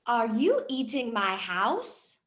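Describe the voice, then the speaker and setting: A woman's voice: a little high, sing-song, takes it slowly, fairly bright tone, heavily acted. A woman playing a scolding, crotchety old candy-house witch in a comic school stage play, theatrical in manner.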